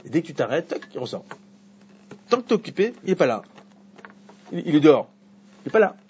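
A man teaching an evening Torah class to a small group, animated, with bursts of emphatic preaching. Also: fairly quick. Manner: animated, rises to emphatic high preaching at key points, interacts with listeners. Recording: dull lo-fi recording with faint background noise.

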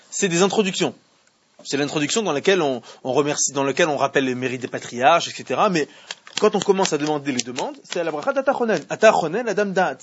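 A man leads a religious class in an animated, questioning way, now and then chanting Hebrew verses slowly. His voice is high and husky and swings widely. The recording is dry and a little dull. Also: dry recording. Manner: animated, explains by asking questions. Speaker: religious teacher. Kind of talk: Torah class with students.

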